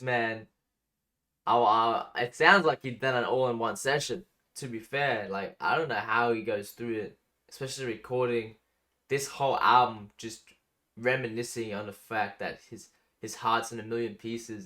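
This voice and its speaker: A man hosts a music reaction video, giving casual, enthusiastic commentary over a song and using lots of fillers. His voice is mid-range with a fairly bright tone.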